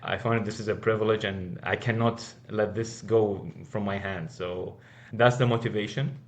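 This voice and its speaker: Man, podcast guest, earnest, lowish voice, restarts and repeats himself. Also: steady tone, moderate pace. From Iraq. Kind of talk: casual interview answers.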